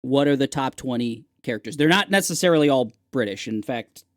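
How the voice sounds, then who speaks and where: A man's voice: medium pitch, lively intonation, fairly quick, no echo, studio quality. A man hosting a casual podcast chat, reading out a listener email with hesitant fillers. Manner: chatty, reads aloud, hesitant fillers.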